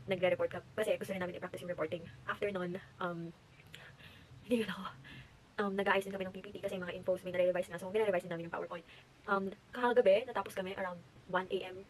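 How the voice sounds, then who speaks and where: Teen girl vlogger, rapid-fire chatty storytelling, faint hiss behind. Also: fairly low pitch, low-quality recording. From Philippines. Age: late teens. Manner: chatty, animated, mixes English into Tagalog. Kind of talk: casual storytelling vlog. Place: at home.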